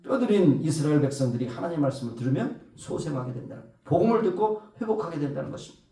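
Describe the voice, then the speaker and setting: A man's voice: a little high, big pitch swings, rapid-fire, warm tone, reverberant, recorded from a distance. A man preaching a Sunday sermon, swelling for emphasis and often putting rhetorical questions to the congregation. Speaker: pastor. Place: church sanctuary.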